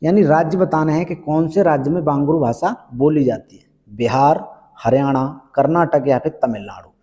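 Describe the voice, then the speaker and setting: A man's voice: fairly high pitch, normal speed, mellow, in a large hall. A male Hindi exam teacher working through practice questions one by one, repeating each question and answer for emphasis. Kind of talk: exam prep lesson, question by question.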